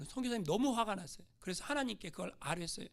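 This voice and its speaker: A man's voice: high voice, animated, rapid-fire, vocal fry. A male pastor preaching a sermon, telling a story and asking the congregation questions. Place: church sanctuary.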